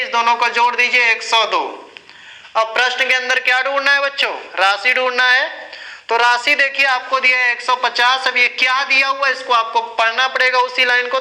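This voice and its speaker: High bright-voiced maths teacher. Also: male voice, reverberant, poor audio. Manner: patient, addresses students as children, asks and answers his own questions. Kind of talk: classroom lesson explaining sums.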